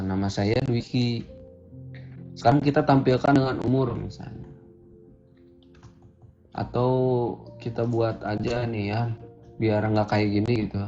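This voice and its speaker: A man teaches a programming lesson over a screen recording, chatting casually and thinking aloud as he codes. He has a warm, medium-pitched voice. The lo-fi audio sounds dull, with faint music.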